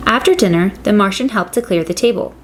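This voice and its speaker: A woman reading a children's picture book aloud, gentle and storytelling. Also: medium pitch, fast, rough recording. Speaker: reader.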